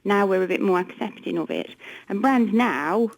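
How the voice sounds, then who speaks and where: A woman with an English accent talking as a research director on a radio interview, brisk, wry and explanatory. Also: mid-range voice, animated, creaky, no room sound, low-quality recording. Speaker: consumer research director, studio guest. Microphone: studio microphone.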